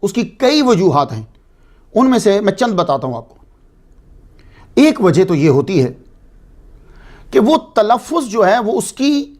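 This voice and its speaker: A man's voice: high-pitched, sing-song, pauses often, a little mellow. A man giving a religious lecture to a congregation, explaining patiently and asking and answering his own questions. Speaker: religious speaker.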